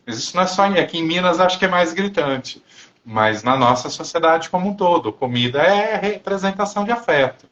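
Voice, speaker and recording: A man co-hosting a casual live stream, talking reflectively and haltingly, with many pauses and restarts. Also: a little high, animated, a bit bright, muffled recording. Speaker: therapist and co-host.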